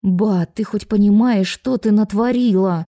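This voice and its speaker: A woman's voice: mid-range voice, normal speed, mellow, no echo, studio quality, lightly acted. Woman doing a curt, exasperated young woman. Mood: scolding. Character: sharp, exasperated young granddaughter.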